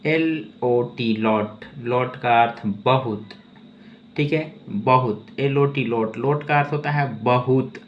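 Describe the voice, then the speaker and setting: A man's voice: medium pitch, takes it slowly. A man teaching English word reading, who spells each word letter by letter and repeats it. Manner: spells words letter by letter, then repeats them; often says "okay" between explanations. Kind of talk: slow spelling and reading lesson. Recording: dull, lo-fi sound with faint ambient noise.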